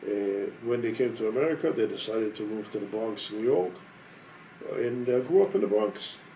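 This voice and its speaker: A man in his sixties from Israel, an organization head telling his personal story in a measured, hesitant way with frequent pauses. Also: fairly low pitch, animated, warm tone, slight background noise, rough recording. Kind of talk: personal testimony.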